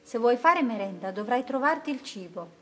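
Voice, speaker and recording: A woman voicing a calm, watchful mother crocodile who speaks steadily and gently scolds. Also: a little high, normal speed, lightly acted.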